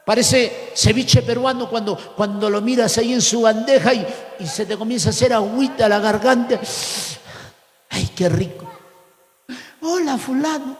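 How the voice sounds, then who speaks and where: A man preaching, voicing a pushy young friend who gives bad advice in a loud, teasing, coaxing way. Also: extremely high pitch, normal speed. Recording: echoey hall with long reverb.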